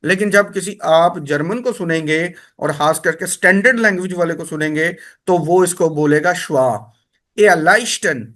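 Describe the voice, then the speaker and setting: A man, teaching a spoken lesson and repeating words slowly to drill each sound. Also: on the high side, fairly bright tone. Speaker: language teacher.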